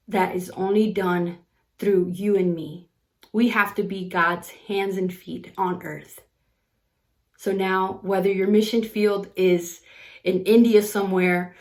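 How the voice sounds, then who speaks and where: A woman giving a short, earnest devotional message urging listeners on. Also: mid-range voice. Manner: earnest, exhorting.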